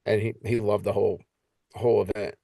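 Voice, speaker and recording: A man's voice: lowish voice, level tone, brisk, vocal fry, mellow. A middle-aged man chatting casually about coaching his son, rambling and laughing often. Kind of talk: casual conversation.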